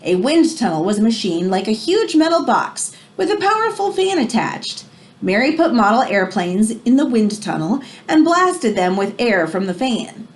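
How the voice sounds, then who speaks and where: Here a teacher, a woman whose voice sits on the high side, reads a kids' nonfiction book aloud at an ordinary pace. Her pitch rises and falls widely as she emphasizes important phrases, explains the content, and makes brief side comments.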